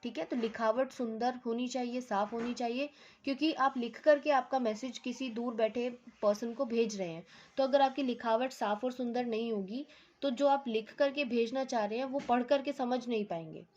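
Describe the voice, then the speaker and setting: A woman's voice: a little high, normal speed, darkish tone. Patient Hindi teacher woman, lo-fi sound. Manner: patient, repeats points with frequent "ठीक है" check-ins; mixes English words into Hindi. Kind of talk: explaining a Hindi lesson to schoolchildren.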